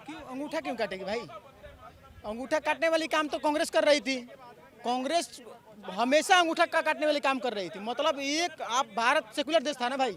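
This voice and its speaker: Fiery high-voiced man on the street. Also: fairly quick, fairly bright tone, a faint crowd. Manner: fiery, rhetorical, chant-like slogans. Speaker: street interviewee. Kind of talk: heated political vox pop.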